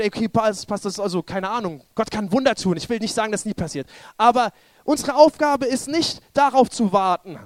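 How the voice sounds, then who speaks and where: A man's voice: very high voice, no room sound. A man preaching a sermon and then leading a fervent spoken prayer, often repeating short calls to Jesus.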